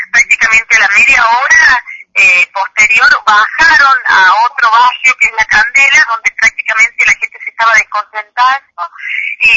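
A woman, calling in as an activist and giving testimony hesitantly, with many fillers. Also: a little high. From Chilecito, Argentina. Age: 30s. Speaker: activist caller. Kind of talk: phone interview testimony. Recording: muffled noisy phone line.

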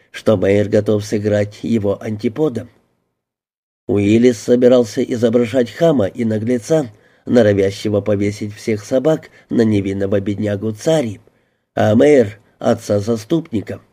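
A man narrating an audiobook in a measured storytelling manner. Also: on the low side, warm tone.

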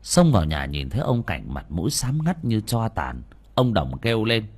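A man narrating a ghost story in a dramatic, animated way. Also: on the low side, moderate pace, slightly rough.

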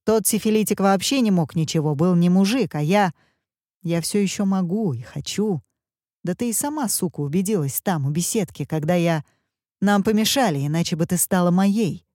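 A woman's voice: on the low side, normal speed, dark tone, no echo, studio quality, natural voice. Woman voicing a snarling young villain man. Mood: anguished. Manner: snarling, anguished outbursts. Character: handsome young male villain, desperate and raging.

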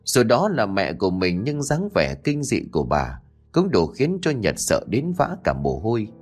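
A man narrating a scripted horror story in a lively, expressive way. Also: on the low side, normal speed, slightly rough, faint music behind.

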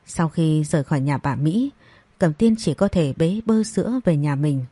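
A woman reading a scripted audio story as narrator, in a steady storytelling manner. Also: low-pitched, moderate pace, breathy edge, dry recording.

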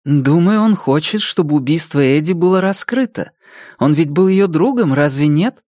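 A man voicing a calm, firm young woman detective in an audiobook, steady and reassuring. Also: on the high side, normal speed, no room sound, clean studio sound, pitched above the performer's own voice, natural voice. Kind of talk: audiobook character reading.

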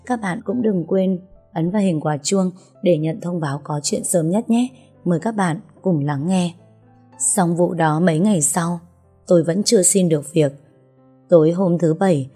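Low, mellow woman audiobook narrator. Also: slightly rough. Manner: measured, dramatic storytelling. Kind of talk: audiobook story reading. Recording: soft music under the reading.

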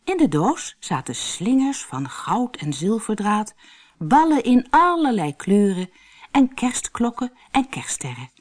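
A woman reading a children's storybook aloud with lively, expressive storytelling. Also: mid-range voice, measured pace. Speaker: narrator.

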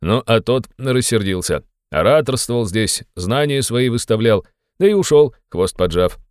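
A man reading an audiobook, voicing a drunk, excitable young man who blusters loudly and talks fast. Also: low-pitched, clear, resonant tone, dry recording, studio quality, natural voice. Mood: agitated, loud. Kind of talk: audiobook character voice.

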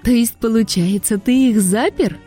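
A woman's voice: on the high side, normal speed, dark tone, faint music behind, lightly acted. A woman voicing a brave young girl with an urgent, protesting way of talking in a storybook reading. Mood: relieved.

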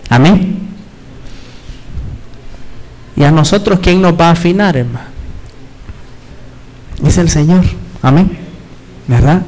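A man's voice: lively intonation, slow pace, pauses often, poor audio. A male pastor preaching a sermon, addressing the congregation as brothers and asking constant rhetorical questions. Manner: emphatic, with shifting pitch and loudness.

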